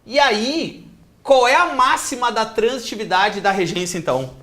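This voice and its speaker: A man's voice: high-pitched, normal speed. A male teacher, telling an anecdote animatedly to a classroom and acting out the voices. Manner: animated storytelling, acts out quoted voices. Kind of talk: classroom lecture with a told anecdote.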